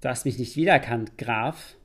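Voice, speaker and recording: A man's voice: mid-range voice, moderate pace, close to an everyday voice. A man reading a grim vengeful duelist. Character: proud vengeful male duelist, cold and grim.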